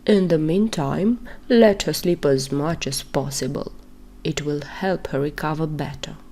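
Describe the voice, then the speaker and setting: A woman voicing a calm, sensible male wolf doctor in a measured, lower storybook voice. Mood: advising. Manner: measured, advising.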